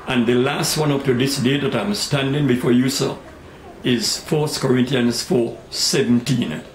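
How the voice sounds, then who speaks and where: A very old man in his nineties with a Tobagonian accent, telling his life story in an interview in deliberate, earnest phrases with pauses. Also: medium pitch, fairly even intonation. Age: 90s. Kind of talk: oral history storytelling with scripture quotes. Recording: echoey room with faint background noise.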